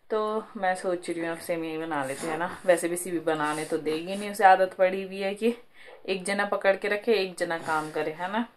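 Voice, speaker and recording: A woman's voice: lowish voice, slight background noise. Chatty young mother vlogging at home. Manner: chatty, addresses viewers with frequent tag questions. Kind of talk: casual home vlog chat. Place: home bedroom.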